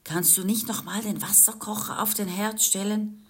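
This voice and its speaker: A woman's voice: medium pitch, fairly even intonation, normal speed, slightly rough, voice pushed up. A woman voicing a bored, cheeky little girl who wheedles and bargains in a read-aloud storybook. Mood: wheedling.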